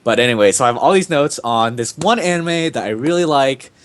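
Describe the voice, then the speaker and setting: A man's voice: medium pitch, expressive, brisk. A young man hosting a casual podcast, talking in a rambling, enthusiastic way full of fillers. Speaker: podcast host.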